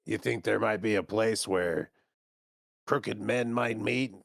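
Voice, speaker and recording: A man playing a tabletop game, speaking slowly and hesitantly. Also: fairly low pitch, creaky, no echo, studio quality. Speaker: player. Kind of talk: tabletop role-play.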